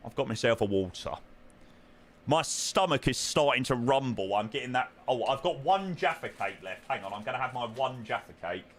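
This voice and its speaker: A man's voice: medium pitch, lively intonation, moderate pace. A British man chatting casually on a flight simulator livestream, informal and matey in manner.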